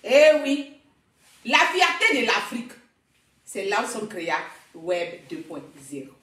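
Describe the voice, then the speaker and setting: A woman's voice: fairly high pitch, sing-song, slow, fairly bright tone, recorded from a distance. Proud woman ranting in an echoey room. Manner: proud, declamatory, repeats slogans. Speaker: online content creator. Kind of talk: emphatic vlog rant. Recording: roomy echo, voice off-mic.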